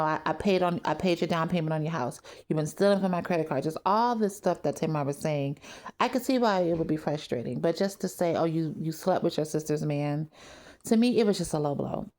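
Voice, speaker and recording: A woman's voice: low-pitched, darkish tone. A woman giving blunt, candid opinions on reality TV in a casual vlog. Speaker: reality TV commentator.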